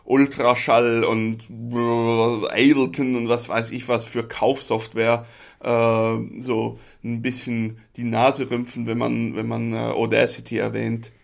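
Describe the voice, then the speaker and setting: A man's voice: medium pitch, monotone, takes it slowly, creaky. A man co-hosting a casual podcast chat, hesitant and given to sarcastic jokes. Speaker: podcast co-host.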